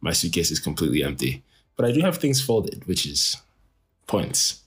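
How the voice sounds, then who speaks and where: Low husky guy chatting about his photo work, lively, restarts a lot. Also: normal speed. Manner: animated, laughs often, restarts. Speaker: travel photographer. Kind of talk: casual interview chat.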